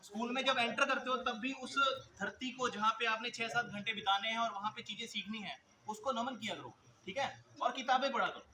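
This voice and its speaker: A man's voice: very high voice, a little fast, few pauses, sharp tone. A male coaching teacher giving an earnest motivational speech to students at a school event, telling stories and addressing them directly. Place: school event hall with audience. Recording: echoey hall with noisy ambience.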